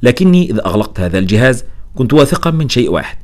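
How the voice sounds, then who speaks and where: A man narrating a horror novel in the first person, in a quick, lively storytelling manner. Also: medium pitch.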